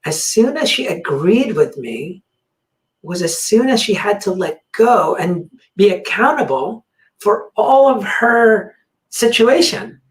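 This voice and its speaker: A podcast host telling a story in a casual chat, acting out the other people's words with lively energy. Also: mid-range voice, takes it slowly. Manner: animated, acts out quoted dialogue. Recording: roomy, distant mic.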